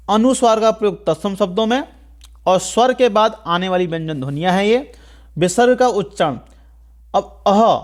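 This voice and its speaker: A man's voice: high-pitched, a little mellow. A man giving a step-by-step Hindi grammar video lecture, who often checks in with the class and repeats key points. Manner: explains step by step, keeps asking "ठीक है" and repeating points. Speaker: teacher.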